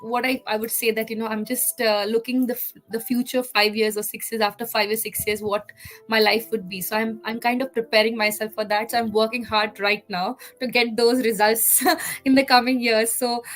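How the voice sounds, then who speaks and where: A woman's voice: a little high, little pitch movement, moderate pace, a bit bright, faint music behind, rough recording. A woman in her thirties from India, a guest in a casual interview, talking in a chatty way with many fillers.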